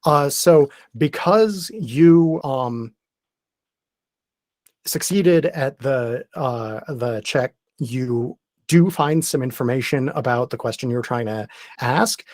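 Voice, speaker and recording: A man acting as game master, explaining the rules step by step in a halting way. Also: mid-range voice, darkish tone, no echo. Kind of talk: narrating a tabletop game.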